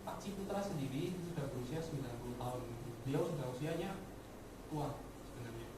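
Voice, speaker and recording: Her voice low and her delivery brisk, a woman speaks to colleagues in a motivational business talk, dropping in English terms and repeatedly turning to listeners with rhetorical questions. The audio is very reverberant, distant-miked and faintly noisy.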